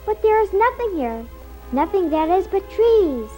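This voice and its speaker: A woman acting out an innocent young princess in a storybook record. Her voice sits very high and sounds wide-eyed and earnest as she asks question after question. Soft music plays underneath. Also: sing-song, unhurried, full character voice. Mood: curious, innocent.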